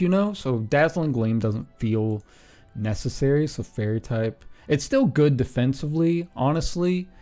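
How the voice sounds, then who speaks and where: A man streaming a game, thinking aloud in a relaxed way with frequent ums and self-corrections as he builds a team. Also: mid-range voice. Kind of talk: casual stream commentary while building a team.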